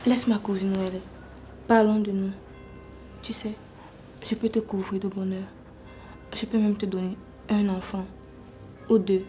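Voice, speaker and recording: An actress playing a scheming seductive cousin. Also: female voice, medium pitch, flat delivery, moderate pace, long pauses, soft background music, close to an everyday voice. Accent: Cameroonian French. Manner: soft, coaxing, seductive.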